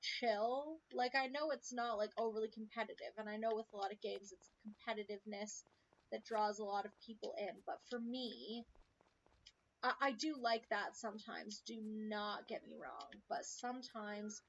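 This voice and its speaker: A woman's voice: mid-range voice, normal speed. A woman giving casual commentary on her own farming game stream, chatting to herself with muttered asides. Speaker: let's play streamer. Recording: slightly dull stream audio, faint hiss.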